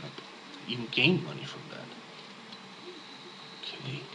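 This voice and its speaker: A man's voice: medium pitch, a little slow, very noisy. A man playing a text-based game, reading its text aloud and adding casual muttered asides. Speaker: let's play gamer.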